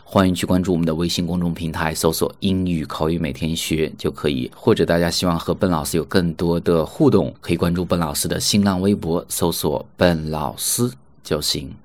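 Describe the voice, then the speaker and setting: A man with a very low voice gives a pronunciation lesson and says each example phrase slowly and more than once. The recording is dry and close, with no room sound. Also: fairly even intonation, a little mellow, dry recording. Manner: models English phrases slowly and repeats them. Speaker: English pronunciation teacher. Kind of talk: online language lesson.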